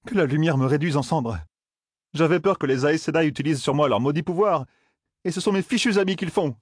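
A man's voice: on the high side, fast, no echo, clean studio sound, voice pushed up. A man reading an audiobook, voicing a brash young man who curses and grumbles sarcastically. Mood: indignant. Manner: gruff, cursing, sarcastic.

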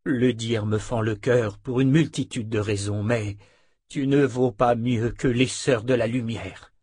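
A man voicing an older woman, a calm and measured captive abbess, in an audiobook, in a soft and low manner. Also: breathy edge, no room sound, studio quality. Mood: stern. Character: older captive abbess, gentle yet firm.

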